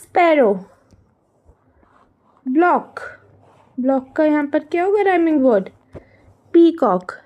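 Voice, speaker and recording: Slow, patient Indian woman teacher. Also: high voice, animated, lo-fi sound. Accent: Indian English. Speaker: primary school teacher. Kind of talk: workbook lesson for young children.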